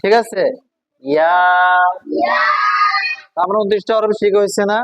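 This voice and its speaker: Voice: medium pitch, moderate pace, no echo, raised voice, low-quality recording. A Quran teacher, patiently drilling a class on letter sounds and asking them questions. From Bangladesh. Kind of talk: classroom call-and-response drill.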